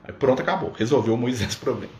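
His voice is mid-range, fast and a little mellow as he leads an informal spiritist religious study on a livestream. He speaks conversationally, regularly checking in with listeners, in an echoey room with faint background noise.

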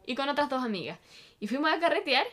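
A young woman with a Chilean accent, chatting casually and telling an animated story, acting out quotes. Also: high-pitched, fast. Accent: Chilean Spanish. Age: young adult. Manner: animated storytelling, repeats for emphasis, acts out quotes. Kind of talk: casual chat.

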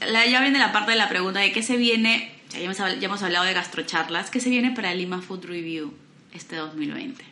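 A woman's voice: medium pitch, brisk, sharp tone, roomy sound. A Peruvian woman hosting a podcast, chatting casually and encouraging her guest. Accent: Peruvian Spanish. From Peru. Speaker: podcast host. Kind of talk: casual interview chat.

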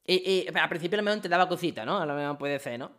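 A man's voice: fairly high pitch, racing, pushed and bright. A young man, hosting a casual chat and rambling with lots of fillers. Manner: chatty, rambling with fillers and repeated words. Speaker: streamer host.

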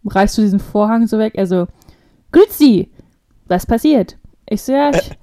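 A young woman co-hosting a podcast tells stories in casual conversation, animated and acting out what people said. She has a mid-range voice and talks fast.

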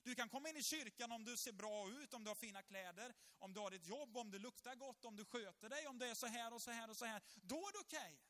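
A man's voice: extremely high pitch, few pauses. A male pastor preaching, retelling a story vividly and checking that the congregation is following. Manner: lively storytelling, asks the congregation along. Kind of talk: sermon.

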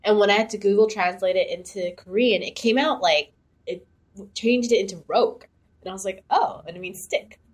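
A woman's voice: mid-range voice, fairly quick. A young woman co-hosting a podcast in casual chat, rambling with many fillers and restarts. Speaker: podcast co-host.

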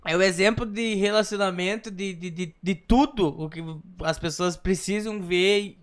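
Podcast host guy, high voice, gushing and repeating himself. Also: moderate pace. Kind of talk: casual chat.

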